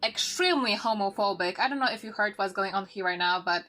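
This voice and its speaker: A young woman in her early twenties from Poland speaks English with a Polish accent, her first language being Polish. Her voice is bright and forceful. She talks haltingly as a podcast guest, often restarting and hunting for words. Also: mid-range voice, faint music behind. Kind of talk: casual podcast chat.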